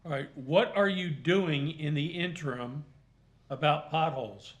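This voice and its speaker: A man speaking as a magistrate at a formal hearing, questioning and ruling in deliberate, halting, formal phrases. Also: a little high. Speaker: magistrate presiding over a hearing.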